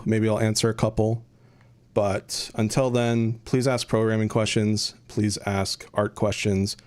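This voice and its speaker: Laid-back low-voiced man on a headset mic. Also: darkish tone. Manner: laid-back, repeats his greetings, addresses the chat directly. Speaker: livestream host and project director. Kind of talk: casual livestream chat.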